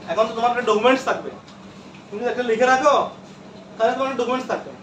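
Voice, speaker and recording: A man's voice: very high voice, very fast, a bit bright, slight background noise. A male teacher lecturing a classroom, repeating terms and quizzing his students. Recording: echoey room from far off.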